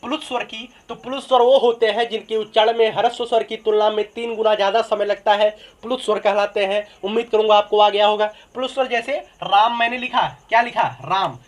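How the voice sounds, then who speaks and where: Male teacher, fairly high voice, drills points by asking and answering himself. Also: steady tone, brisk, hardly any pauses. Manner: repeats each point as a question and answers it. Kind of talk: Hindi grammar lesson.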